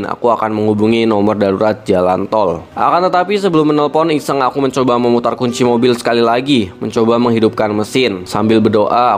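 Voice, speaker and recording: A man narrating a first-person mystical horror story with measured pacing and dramatic pauses. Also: medium pitch. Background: faint music.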